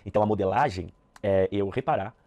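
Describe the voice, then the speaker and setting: A man teaching a live online sales class, energetic, repeating key points and checking in with his students. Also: lowish voice, brisk, muffled recording. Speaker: sales trainer. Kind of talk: live online training talk.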